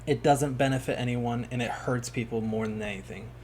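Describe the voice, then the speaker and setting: A man hosting a commentary video, talking in a measured way and often saying "honestly.". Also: medium pitch, steady tone, a little mellow, a little hiss or hum. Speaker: YouTuber host.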